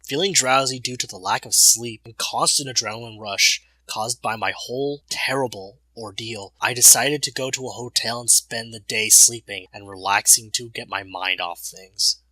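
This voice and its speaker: A man reading a scripted horror story as narrator, in a serious, deliberate, dramatic way. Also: mid-range voice, sharp tone, dry recording, poor audio.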